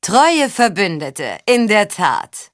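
Lady narrator doing a sneery knight guy, slow and drawn out, dry sound. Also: mid-range voice, sing-song, no room sound. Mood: mocking. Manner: mocking, drawn-out delivery. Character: mocking scheming middle-aged male knight. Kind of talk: audiobook reading.

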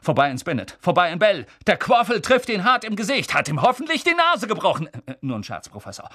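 Man voicing a cheeky schoolboy commentator, rising and excitable, quick jokes. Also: high voice, no echo, studio quality, voice pushed up, heavily acted. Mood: excited. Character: cheeky teenage boy match commentator.

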